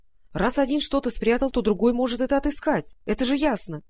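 A woman's voice: on the high side, animated, brisk, a little mellow, voice pushed up. A woman reading an audiobook, voicing a fiery, bossy female magic toy who exclaims and grumbles. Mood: grumbling.

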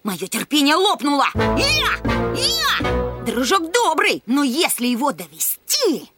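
A cartoon boy blusters loudly, insisting he fears nothing while plainly scared, as a woman acts him out. His voice sits very high and leaps all over the place. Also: huge pitch swings, slow pace, loud music behind the voice, exaggerated voice. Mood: blustering. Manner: blustery, shouting bravado. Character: boastful, cowardly young boy who claims no fear.

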